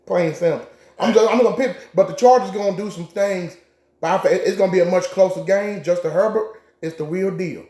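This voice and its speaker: A man with a fairly high but mellow, relaxed voice talks casually as a co-host, trading blunt, profane trash talk. The sound is roomy and echoey, as if recorded in a bare room. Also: normal speed. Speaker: co-host making game picks. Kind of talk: casual sports chat.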